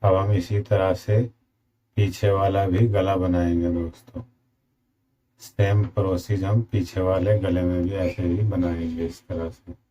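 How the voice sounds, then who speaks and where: Low, slow-talking man teaching sewing. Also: level tone, mellow, a little hiss or hum. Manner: slow, repetitive instructions addressing viewers as friends. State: slightly sore throat. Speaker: tailoring instructor. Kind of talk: step-by-step sewing tutorial.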